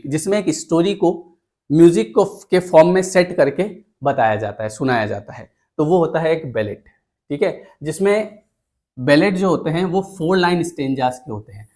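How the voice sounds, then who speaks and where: A man's voice: a little high, darkish tone. An Indian-accented man teaches an exam-prep lecture. He explains patiently, repeats the key points and slips English terms into his talk.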